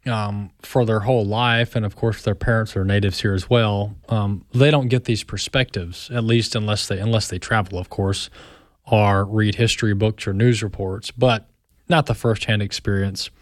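A man's voice: fairly low pitch, fairly even intonation, moderate pace, no room sound, studio quality. A male radio talk show host interviewing a guest in a friendly, loose way with frequent fillers.

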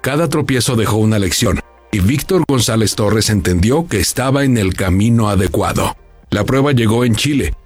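A man reading a scripted news feature as narrator, measured and polished. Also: fairly low pitch, animated, breathy edge. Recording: voice-over with faint music.

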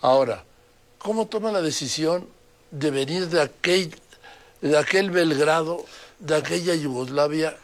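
A man's voice: on the high side, measured pace. An older man, hosting an interview in a chatty way, prompting his guest with questions. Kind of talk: casual interview.

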